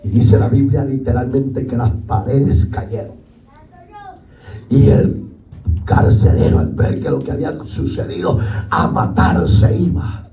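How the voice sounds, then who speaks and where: A man preaching a sermon as pastor, impassioned and often bursting into shouts. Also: medium pitch, expressive, unhurried, lo-fi sound, a little hiss or hum. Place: church. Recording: echoey church hall, distant mic, faint music.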